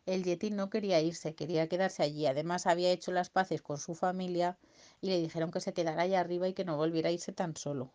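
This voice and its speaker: A woman's voice: fairly low pitch, fairly even intonation, fast, warm tone. Playful woman telling a bedtime story. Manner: playful, sings silly songs and sound effects. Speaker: storyteller to a child.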